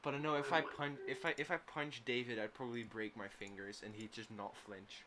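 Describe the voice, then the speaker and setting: A man playing a tabletop game, chatting casually, blunt and quick to curse. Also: medium pitch, steady tone, background noise. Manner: blunt, swears a lot, exasperated outbursts. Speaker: player.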